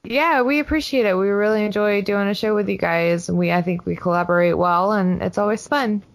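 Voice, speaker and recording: A woman's voice: mid-range voice, brisk, no echo. An upbeat woman co-hosting a podcast, her voice in a middle range. She agrees readily and keeps things friendly, and the sound is close and dry. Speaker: podcast co-host. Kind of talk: casual podcast chat.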